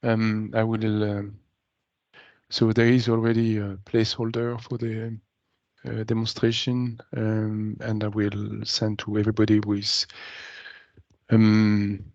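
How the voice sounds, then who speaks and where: A man on a video call explaining a planned demonstration to a meeting, halting often with ums and uhs. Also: on the low side, monotone, creaky, a little mellow, no echo. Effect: heard over a video call. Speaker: meeting participant presenting a demo. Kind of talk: business meeting update. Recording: dry, slightly muffled video call audio.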